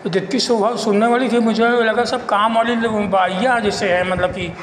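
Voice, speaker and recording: A man giving an informal, halting and repetitive spoken account as a local citizen. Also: high voice, steady tone. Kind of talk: informal spoken monologue of complaint and appeal. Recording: echoey reverberant room with faint noise.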